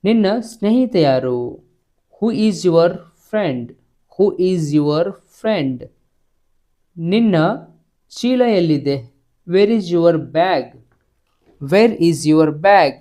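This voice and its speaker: A man teaching spoken English, saying each phrase twice, slowly and clearly. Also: high voice, animated, mellow. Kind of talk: slow, drilled spoken-English lesson.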